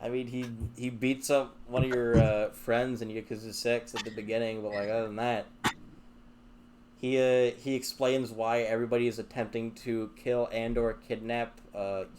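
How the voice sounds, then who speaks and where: A man's voice: medium pitch, level tone, moderate pace, background noise. Rambling young man, casual chat. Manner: rambling, laughing, casual swearing. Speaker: host.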